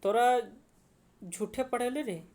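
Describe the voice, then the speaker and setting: A woman's voice: fairly high pitch, takes it slowly, darkish tone. A woman reading as a scolding village mother. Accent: Jharkhand Khortha. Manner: plain reading of dialogue lines. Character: rural village mother scolding her grown son.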